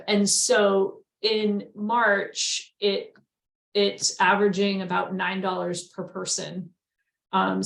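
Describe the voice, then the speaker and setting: Woman running a meeting, talks slow with lots of ums, roomy echo. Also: mid-range voice, gravelly. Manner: relaxed, hesitant with many ums. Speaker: meeting moderator. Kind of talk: online meeting moderation.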